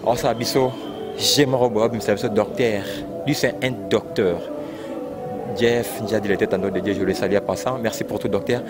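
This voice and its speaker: A man with a Congolese French accent in an animated, repetitive casual chat about music, exclaiming often. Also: fairly low pitch, fairly quick. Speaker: fan discussing rumba music. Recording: loud music playing behind.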